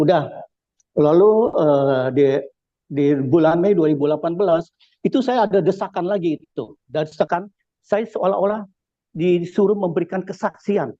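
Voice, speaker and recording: A man's voice: on the high side, dry recording, muffled recording. A man from Indonesia with a Jakarta accent, giving a casual spoken church testimony and acting out the dialogue as he tells it. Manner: animated storyteller acting out dialogue.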